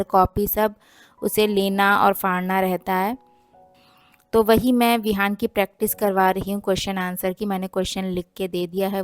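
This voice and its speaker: A woman's voice: mid-range voice, darkish tone. A woman in her thirties, a homemaker vlogging in a chatty, homely way, explaining things at length with plenty of fillers. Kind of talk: casual vlog narration.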